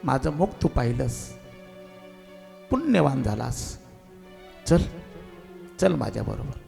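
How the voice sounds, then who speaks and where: A man's voice: mid-range voice, very animated, slow pace, vocal fry, mellow, faint music behind, full character voice. A man voicing a male god who speaks firmly about protecting his devotee. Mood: gentle. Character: stern male god refusing to save a foe.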